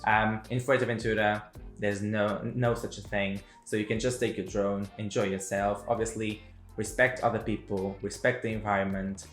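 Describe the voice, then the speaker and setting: A man's voice: on the low side, flat delivery, normal speed, hardly any pauses, a bit bright. Chatty man in an echoey room. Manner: chatty, laughs often, fillers and restarts. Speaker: travel vlogger co-host. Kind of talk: casual chat. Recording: echoey room with faint music.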